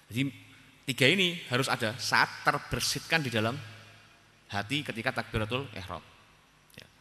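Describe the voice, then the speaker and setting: A man with a Javanese accent teaching a religious text to a gathering, in a relaxed, repetitive way and often checking with "ya". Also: mid-range voice, long reverb tail. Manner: relaxed teaching, repeating words, frequent "ya" checks.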